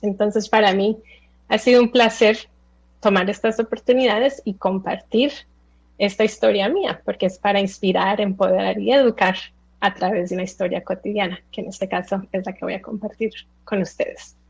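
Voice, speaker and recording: A Colombian-born woman of about forty, raised in the United States, giving a relaxed, chatty talk with many filler sounds. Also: medium pitch, normal speed, vocal fry, husky, rough recording. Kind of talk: online talk.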